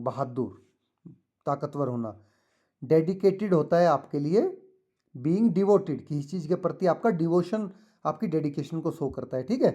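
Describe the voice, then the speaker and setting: Patient teacher with a mellow voice. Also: male voice, a little high. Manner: mixes English and Hindi, reads English slowly then explains; patient, repetitive, addresses children directly. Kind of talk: explaining a school textbook lesson to children.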